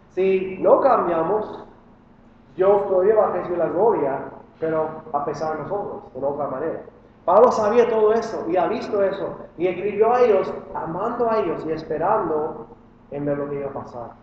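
High-voiced pastor preaching in an echoey hall. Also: male voice. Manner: earnest, rises high for acted quotes and questions. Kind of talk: sermon. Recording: distant echoey hall, dull sound, faint hiss.

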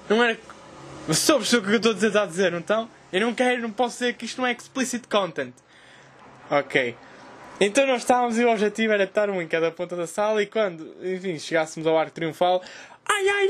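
A young man with a European Portuguese accent tells a crude, animated comic story. His voice sits noticeably high. He talks at a rapid, rushing pace. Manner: animated, crude joking, loud cries in retold scenes. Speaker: host.

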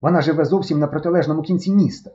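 Blunt scornful kid friend, read by a man, dark voice, lo-fi audiobook sound. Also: fairly high pitch, racing, voice pushed up, natural voice. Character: grumpy sharp-tongued boy, the narrator's friend.

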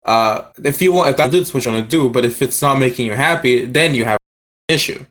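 Male discussion guest, Aruban accent, mid-pitched. Casual, reflective, reasons aloud with repeated sentence starts. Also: fairly quick, fairly bright tone.

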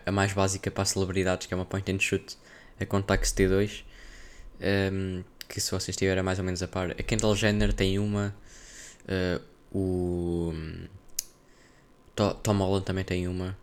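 A man's voice: low-pitched, flat delivery, moderate pace. A young man with a European Portuguese accent chatting casually on a solo podcast, rambling and slangy as he thinks aloud. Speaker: podcast host.

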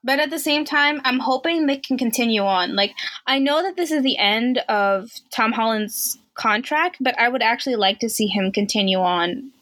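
High-voiced young woman, animated chat. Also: normal speed, few pauses. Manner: animated, acts out reactions in shouted quotes, laughs often. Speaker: podcast co-host. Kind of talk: casual chat.

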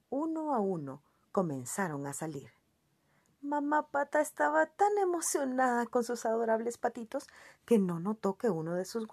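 A woman reading a children's fairy tale aloud to a child in an expressive, lively storytelling voice. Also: medium pitch, breathy edge. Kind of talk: reading bedtime stories aloud.

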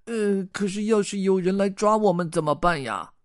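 Whale in a storybook, read by a man, high and squeaky, fretful, dry close sound. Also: normal speed, no echo, natural voice. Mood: worried. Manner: squeaky and excitable. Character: chatty fretful whale blowing bubbles.

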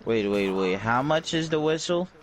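A man's voice: mid-range voice, lively intonation, moderate pace. A young man chatting casually with friends in a blunt, slangy, sweary frat-bro manner. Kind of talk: casual chat among friends. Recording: noticeable background noise.

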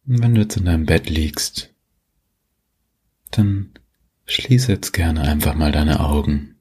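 A man guiding a sleep meditation like a sleep story narrator, soothing and gentle, leaving long pauses, in a soft, husky voice. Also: rumbling low, lively intonation. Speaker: meditation guide, host.

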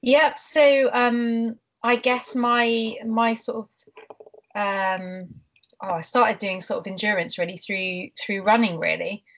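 A woman's voice: mid-range voice, steady tone, takes it slowly. A woman, a nutritionist and triathlete, talking casually as an interview guest, hesitant with many fillers and restarts. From England.

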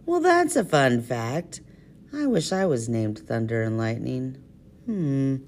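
Woman, American accent, kindergarten teacher voice, slow unhurried delivery, very animated intonation, scripted morning announcements for children. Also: rumbling low, a little hiss or hum. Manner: kindergarten teacher voice, addressing children in simple, expressive phrases. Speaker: school morning announcements host.

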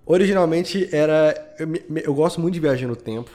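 With background music behind him, a podcast guest who creates audio drama podcasts tells anecdotes in casual, slangy speech. He's from Belo Horizonte and has a Minas Gerais Brazilian accent. His voice is a little high, brisk, and warm in tone.

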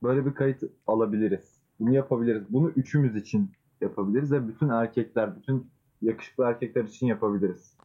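A man's voice: mid-range voice, fast, mellow. A man hosting a podcast in casual chat, teasing his co-hosts playfully. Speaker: podcast host. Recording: tinny phone-like sound.

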